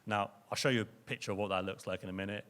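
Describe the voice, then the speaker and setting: Man, young adult, lowish voice, conference talk, earnest, restarts and repeats words. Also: fairly even intonation, rapid-fire, fairly bright tone. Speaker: conference speaker. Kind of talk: conference presentation. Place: lecture venue with audience.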